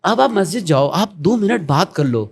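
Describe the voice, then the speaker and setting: Gravelly and slightly rough yet high-pitched, this middle-aged Pakistani-accented man swings widely in pitch. As an education founder being interviewed conversationally, he sounds earnest and preachy, frequently dropping into quoted asides.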